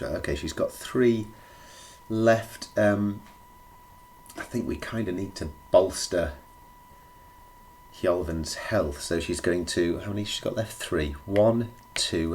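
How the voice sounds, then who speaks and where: A man with a croaky, under-the-weather voice thinks aloud in casual play-by-play as he plays a board game alone. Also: low-pitched. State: feeling rough, under the weather. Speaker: solo board game player presenting a run-through. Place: indoors at a gaming table. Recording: clear background noise, clicks.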